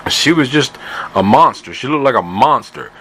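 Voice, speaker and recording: A man's voice: mid-range voice, expressive, moderate pace, pushed and bright, slight background noise, rough recording. A man telling his daughter a playful, folksy improvised bedtime story.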